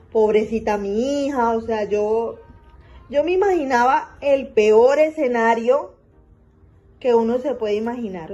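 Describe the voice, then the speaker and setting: A woman's voice: on the high side, warm tone, highs cut off. A woman telling a first-person story in an emotional, dramatic way, repeating and circling back on her words. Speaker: narrator of a fan story.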